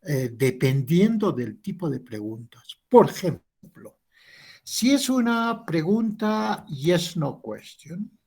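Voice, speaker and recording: Slow, husky male English teacher. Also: fairly high pitch, sing-song, darkish tone. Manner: slow, patient explaining with modeled English phrases. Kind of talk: classroom English lesson.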